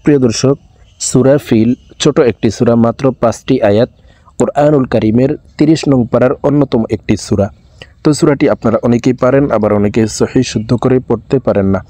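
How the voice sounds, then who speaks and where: A man's voice: mid-range voice, dark tone, dry recording. A man giving a patient, step-by-step Quran reading lesson, explaining pronunciation rules. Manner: patient, explains pronunciation rules, then recites slowly and drawn out. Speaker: Quran recitation teacher.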